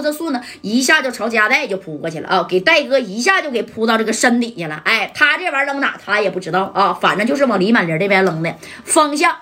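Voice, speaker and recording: A woman, telling a gangster tale in lively, colloquial style, often asking listeners questions. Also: medium pitch, slightly rough. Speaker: storyteller.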